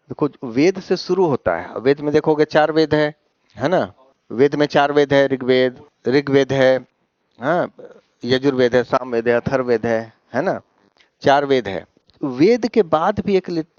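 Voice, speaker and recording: A man's voice: medium pitch, a little mellow, no echo. A male teacher giving a classroom lecture in Hindi. He mixes in English words and keeps asking his students whether they follow. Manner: asks questions and answers them, often adds 'है ना?'. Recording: dry, slightly dull sound.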